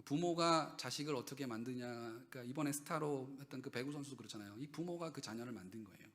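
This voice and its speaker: A male pastor preaching a sermon in a church. He asks the congregation questions, then moves between loud, emphatic lines and quiet, low asides. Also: fast talker.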